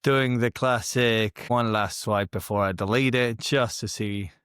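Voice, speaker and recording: Guest male, mixed accent, low easy voice, dry close mic, joking. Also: fairly even intonation, a little slow, fairly bright tone, clean tone, no echo. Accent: mixed international. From Australia. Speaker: podcast guest. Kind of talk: casual chat.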